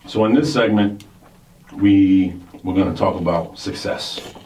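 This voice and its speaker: A dark-toned man in his forties speaks low and at a measured pace, co-hosting a radio talk show in a relaxed, casual manner. The studio recording sounds roomy, with a distant mic and a faint hiss.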